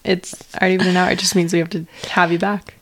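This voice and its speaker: A woman's voice: on the low side, flat delivery, quick pace. Young woman hosting a chatty podcast. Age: young adult. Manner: giggly, teasing. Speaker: podcast host. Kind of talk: casual chat.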